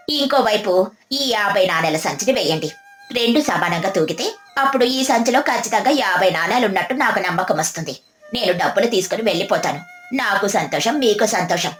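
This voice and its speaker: A quick-witted young village wife, as a woman storyteller puts her on, pointed and needling. Her voice sits a touch lower than the narration. Roomy echo and soft music under it. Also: animated, natural voice. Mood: sly polite. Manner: pointed, mock-polite, then scolding. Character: clever young village wife, bold and sharp. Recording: echoey, faint music behind.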